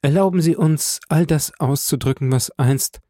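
A man's voice: a little high, normal speed, mellow, no echo, clean studio sound, voice pushed up, close to an everyday voice. A man reading an audiobook, voicing a distraught young woman who pleads and exclaims. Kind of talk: audiobook character voice.

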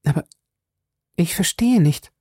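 A man reading the part of a proud, wounded young woman who speaks in high, trembling reproaches. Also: animated, a little slow, a little mellow, slightly rough, no echo, clean studio sound. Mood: alarmed.

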